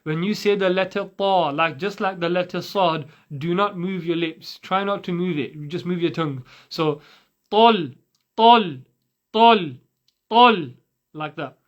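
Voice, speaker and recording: A man teaching Quran recitation, patiently repeating sounds slowly and drilling them one by one. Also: high-pitched, lo-fi sound. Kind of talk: pronunciation lesson.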